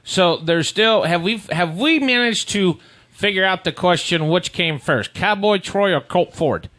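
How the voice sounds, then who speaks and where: A man hosts a relaxed, chatty interview and asks easygoing questions. His voice sits a touch higher than most men's. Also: a little slow. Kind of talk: casual interview talk.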